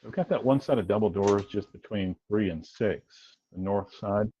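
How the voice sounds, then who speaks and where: A man's voice: fairly low pitch, normal speed, mellow, slight background noise. A man playing a tabletop game who talks hesitantly, with formal wording and many fillers. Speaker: player. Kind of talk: tabletop game play over a stream. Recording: dull lo-fi sound.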